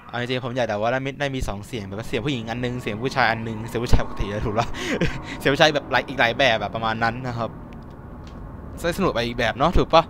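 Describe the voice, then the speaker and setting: A man's voice: medium pitch, fast, noisy background. A man hosting a gaming channel, casually translating game dialogue and chatting about his playthrough. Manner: casual, chatty, laughs easily. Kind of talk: let's-play commentary dubbing game dialogue.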